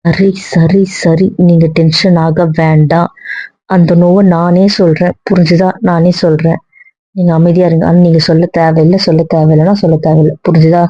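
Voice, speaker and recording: Give me a woman playing a gentle young wife, lower voice, soothing and coaxing, in a dull, dry recording. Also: little pitch movement, normal speed, no echo, close to an everyday voice. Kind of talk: amateur serial drama acting.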